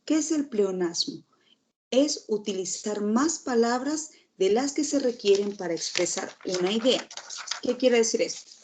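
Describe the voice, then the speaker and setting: A woman's voice: on the high side, expressive, a little slow, darkish tone, slight background noise. A woman teacher giving a recorded lecture, explaining steadily and asking the class rhetorical questions.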